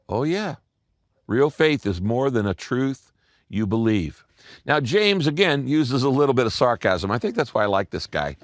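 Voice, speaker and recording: A male pastor preaching a sermon with emphatic, repeated phrases and deliberate pauses. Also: mid-range voice, no room sound, clean studio sound.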